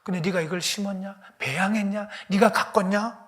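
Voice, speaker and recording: A man's voice: extremely high pitch, very animated, measured pace, pitched above the performer's own voice, heavily acted. A preacher voicing God as a pleading loving father. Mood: exasperated pleading. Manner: impassioned, rising to loud cries, then falling to a hushed whisper. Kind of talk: sermon with dramatized dialogue.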